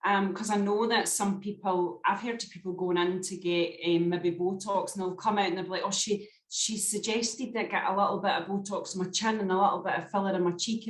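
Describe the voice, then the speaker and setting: A woman in her forties, a skincare expert guest on a podcast, telling stories in a chatty way and often checking that she is understood. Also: mid-range voice. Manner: chatty storyteller, often asks "do you know what I mean". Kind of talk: casual podcast chat. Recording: roomy echo.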